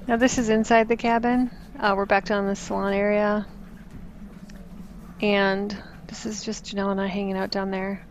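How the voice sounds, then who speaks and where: A woman narrates her own travel footage in a relaxed, joking way, poking fun at herself as she goes. Her pitch stays fairly flat and even. A clear layer of background noise runs under the voice. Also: moderate pace, dull audio. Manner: chatty, self-mocking. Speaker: vlogger. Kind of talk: casual voice-over narration.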